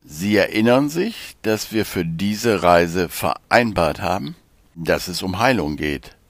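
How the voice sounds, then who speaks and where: A man voicing a calm middle-aged spiritual guide who explains things slowly and patiently. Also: deep voice, no echo, full character voice. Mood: calm explaining. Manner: slow, measured, gently explaining.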